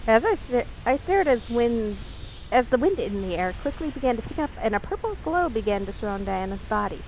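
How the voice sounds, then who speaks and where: A woman narrating a visual novel let's play aloud, her voice slightly high. She reads the story playfully and keeps breaking off for jokey asides. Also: sing-song, a little fast, a little mellow, a little hiss or hum, low-quality recording.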